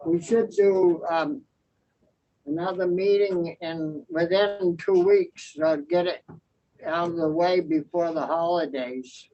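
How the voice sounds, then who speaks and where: Committee chair, slow hesitant speech, dull lo-fi call audio. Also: mid-range voice, fairly even intonation. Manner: hesitant, halting, many fillers. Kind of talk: chairing an online committee meeting.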